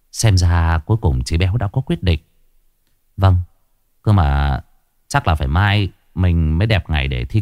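A man narrating a ghost story in an expressive, colloquial way. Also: deep voice, dry recording, studio quality.

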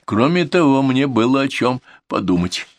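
A gloomy, dignified old donkey from a storybook, as a man reads him, slow and glum in his reasoning. The voice sits a little above the reader's own and moves a lot. It is heard dry and close. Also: mid-range voice, very animated, no room sound, voice pushed up. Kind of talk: audiobook reading.

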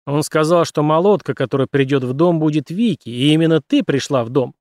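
A man reading an audiobook, voicing a menacing, brutal young man who speaks loudly and bluntly. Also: fairly high pitch, animated, fairly quick, no room sound, studio quality, lightly acted. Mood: threatening. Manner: loud, blunt and threatening.

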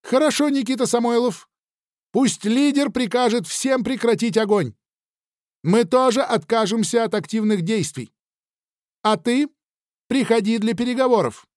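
Male reader doing a thin, high, haughty alien mind that taunts; dry audiobook read. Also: normal speed, darkish tone, dry recording. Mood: cold. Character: eerie alien mind, thin womanly or childlike voice. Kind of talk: audiobook character voice.

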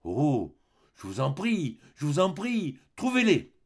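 A man reading an audiobook and voicing a frightened young woman under hypnosis, who begs in a halting, trembling voice. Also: a little high, animated, husky, pitched above the performer's own voice. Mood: pleading. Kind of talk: audiobook character voice.

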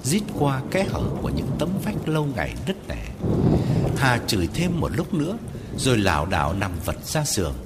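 A man narrating a Vietnamese horror story with an expressive storyteller's manner. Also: mid-range voice, normal speed, very noisy.

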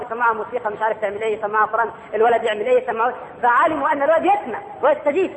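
A middle-aged man with an Egyptian Arabic accent preaching a sermon, posing questions to his listeners and slowing down for emphasis. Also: very high voice, slight background noise. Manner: animated, questioning the audience, dramatic slowdowns. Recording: echoey hall with faint ambience.

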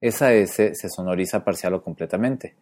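A man teaching pronunciation in a clear, methodical way, slowing down to demonstrate sounds. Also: low-pitched, darkish tone. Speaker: Spanish phonetics teacher. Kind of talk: explanatory lesson narration.

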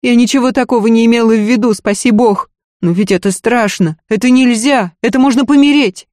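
Brief: frightened high-voiced maid, timid and pleading, read by a woman, dry close read. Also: normal speed, darkish tone, no room sound, lightly acted.

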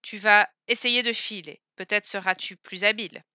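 A woman's voice: medium pitch, steady tone, moderate pace, pushed and bright, clear, resonant tone, dry recording, clean studio sound. A woman voicing a poor male beggar who talks in a firm, scolding, commanding way. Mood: stern. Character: stern poor male beggar, gruff and bossy.

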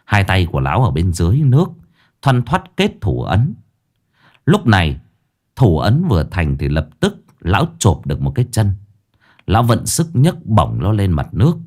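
Male ghost story narrator, low voice, lively delivery, dramatic reading. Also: normal speed.

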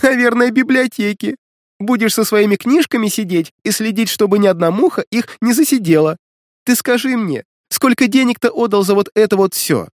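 A man's voice: high-pitched, normal speed, no room sound, clean studio sound, voice pushed up, close to an everyday voice. A man reading an audiobook voices a sarcastic, mocking young woman student who scolds and teases the hero.

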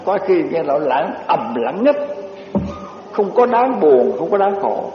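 An older man, a Buddhist monk, giving a slow dharma talk, telling stories and reciting verses. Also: big pitch swings. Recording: echoey hall, dull low-fi recording with faint hiss.

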